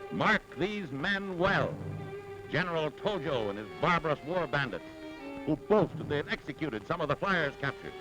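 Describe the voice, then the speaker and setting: Delivered at normal speed in a slightly high, very animated voice, this scripted 1940s newsreel narration comes from an American man who sounds dramatic, urgent and emphatic. The low-quality vintage soundtrack is backed by loud dramatic music.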